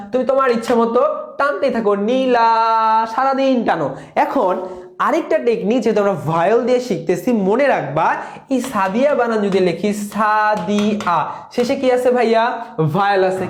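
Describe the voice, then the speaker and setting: A man's voice: high-pitched, echoey room. A man, tutoring for an admission exam, who keeps asking questions and answering them himself while repeating key words. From Bangladesh. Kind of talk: classroom lesson.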